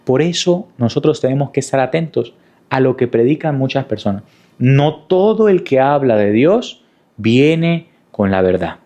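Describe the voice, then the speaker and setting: A man's voice: mid-range voice, expressive, unhurried, warm tone. A man preaching a sermon in a teaching manner, asking rhetorical questions and repeating key points. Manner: didactic, with rhetorical questions and repetition.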